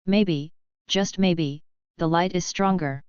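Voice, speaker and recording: A woman's voice: on the low side, slow, clean tone, no echo. A woman voicing a calculating young Sith man who mocks and scoffs, in a fan-fiction audio story. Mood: wry. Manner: wry, scoffing. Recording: slightly dull, dry recording.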